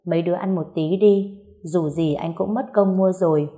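A woman voicing a gentle, caring young man who soothes a grieving woman in a soft, slow way, as part of a story reading. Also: on the low side, natural voice.

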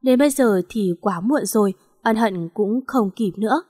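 A woman's voice: medium pitch, normal speed, dark tone, husky. A woman narrating a sad melodrama in an emotional, sorrowful way. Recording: long hall reverb.

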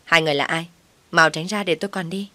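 A woman voicing a brazen, defiant young swindler who talks loudly and scornfully. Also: on the low side, fairly even intonation, quick pace, no room sound. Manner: loud and scornful.

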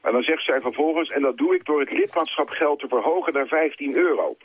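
A man's voice: fairly high pitch, very animated, a little fast, breathy edge, no room sound. A man, a broadcaster's chairman, argues his case insistently as a guest in a live radio phone interview. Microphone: telephone. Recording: tinny dry phone line.

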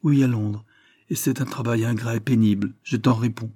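A man reading aloud voices a young fugitive brother who speaks in a sombre, quiet tone. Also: medium pitch, fairly even intonation, normal speed, husky, dry recording, studio quality, close to an everyday voice.

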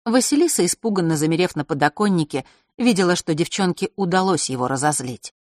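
A woman narrates a fantasy audiobook with lively, expressive reading. Her voice is close to the mic, in a dry, dead recording. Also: fairly low pitch, fairly quick, no echo. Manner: expressive, even storytelling.

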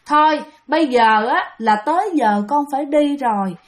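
A woman's voice: high-pitched, expressive, normal speed. A woman voicing the spirit of a dead young man, speaking tearfully and tenderly. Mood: gentle.

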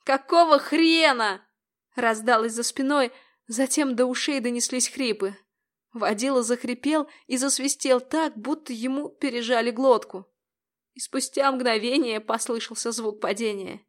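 Higher-voiced woman narrating a tense story. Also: fairly even intonation, normal speed. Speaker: audiobook narrator. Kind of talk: first-person audiobook narration.

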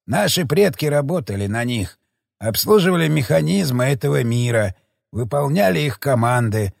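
A man voicing a frightened, very old male elder who talks in hushed, halting phrases in an audiobook. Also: medium pitch, lively intonation, gravelly, dry recording, studio quality. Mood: somber recounting. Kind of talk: audiobook character voice.

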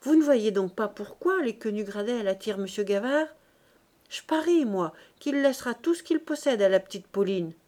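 A woman's voice: mid-range voice, lively intonation, normal speed, darkish tone, close to an everyday voice. A woman reading aloud, voicing a gossipy, scheming old spinster who insinuates and pries. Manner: prying, insinuating.

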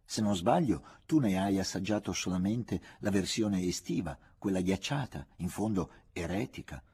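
A man voicing a witty, ironic young woman, lively and affectionately bossy in her teasing. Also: deep voice, normal speed, husky, exaggerated voice. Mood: coaxing.

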